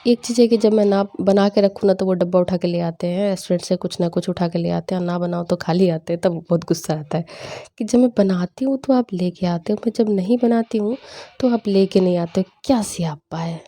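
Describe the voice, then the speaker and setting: A young woman in casual voice-over narration for a home vlog, chatty and animated as she retells family banter. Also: lowish voice, fairly quick. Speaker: vlogger.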